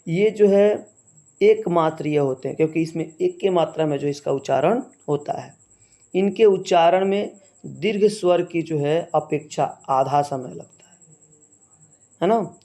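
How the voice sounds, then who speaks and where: A man with a fairly high but mellow voice teaches a grammar lesson. He talks very slowly and deliberately, one step at a time. He keeps pausing to check in with the listener. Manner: slow, measured, repeats "है ना" as a check-in. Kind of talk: slow explanatory lesson.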